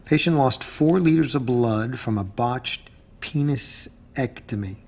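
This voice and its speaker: An actor playing an easygoing, good-natured doctor friend with a wry, slightly rough delivery, from a TV drama. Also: male voice, medium pitch, measured pace, a little mellow. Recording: TV clip with music underneath.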